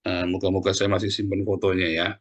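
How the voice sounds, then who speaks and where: Preacher with emphatic swings. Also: male voice, completely flat delivery, fast talker, muffled recording. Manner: conversational preaching, often tagging phrases with "Saudara ya"; swings from loud emphatic peaks to low asides. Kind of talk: sermon.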